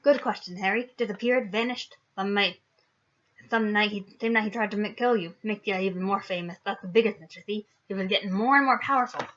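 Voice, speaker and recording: Woman reader doing a loud, rustic, kindly giant gamekeeper; bright, forceful tone, lo-fi audio. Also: medium pitch, fairly quick, lightly acted. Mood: gruff, warm. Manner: loud rustic dialect speech. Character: big gruff kindly male giant gamekeeper. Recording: dull lo-fi recording.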